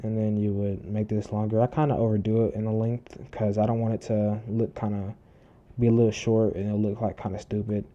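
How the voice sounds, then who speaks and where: A man's voice: lowish voice, little pitch movement, a little fast, lo-fi sound. A man casually talking through a screen-recorded tutorial, rambling with many fillers and restarts, breathing close into his desk microphone. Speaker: tutorial host. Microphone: desk mic close to mouth, heavy breathing.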